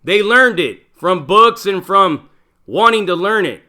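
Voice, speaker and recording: A man's voice: high-pitched, expressive, measured pace, pushed and bright. A middle-aged man, a former prisoner, talking bluntly in a casual monologue full of profanity and street slang. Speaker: channel host, former prisoner.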